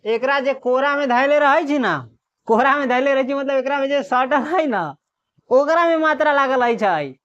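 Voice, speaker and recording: Woman, reading teacher, fairly high voice, slow letter-by-letter drilling, asks and answers her own questions, dull lo-fi sound. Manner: drills by asking questions and answering them herself; sounds out letters slowly one by one. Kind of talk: classroom lesson. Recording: dull lo-fi recording.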